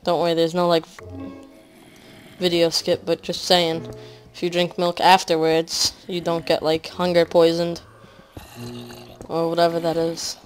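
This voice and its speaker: A woman giving casual let's-play commentary at home, rambling with lots of fillers and often trailing off quietly. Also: lowish voice, completely flat delivery, measured pace, soft background music. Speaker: gaming commentator.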